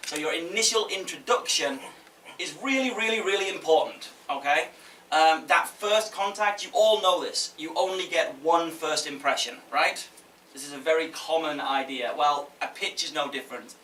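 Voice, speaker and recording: A man gives an informal conference talk in a bright, forceful, slightly high voice. He is conversational and jokey, checking in with his listeners. The sound is roomy and distant from the microphone. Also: normal speed. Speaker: game publisher giving a talk. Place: indoor event room with audience. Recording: echoey room from afar, faint noise.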